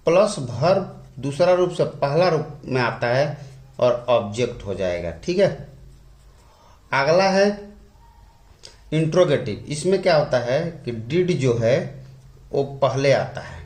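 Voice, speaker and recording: A man teaching English grammar in a lesson, repeating key words slowly and drawing them out. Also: on the high side, darkish tone. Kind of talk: explaining at a whiteboard. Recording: echoey room.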